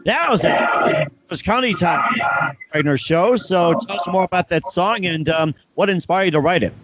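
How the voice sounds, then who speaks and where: Higher-pitched male host, dull lo-fi sound. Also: normal speed, a bit bright, soft background music. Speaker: show host. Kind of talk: radio-style interview and sponsor read. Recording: dull, lo-fi audio.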